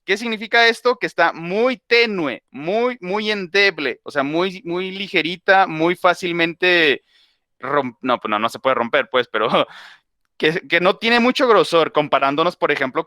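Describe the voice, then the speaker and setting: A man's voice: on the high side, lively intonation, normal speed, bright, forceful tone, dry recording, studio quality. A man teaching a class, explaining in a loose, conversational way with homely examples and frequent self-corrections.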